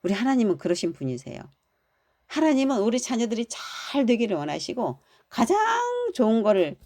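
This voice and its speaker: A woman pastor giving a sermon, preaching in an animated way and acting out the lines she quotes. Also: medium pitch.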